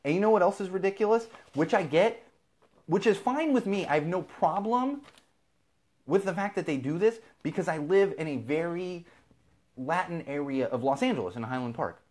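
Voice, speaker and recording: A Southern California man hosting a live feed as a podcast host rants casually and in exasperation, cursing freely. His voice sits high and is animated and a little mellow, at a moderate pace.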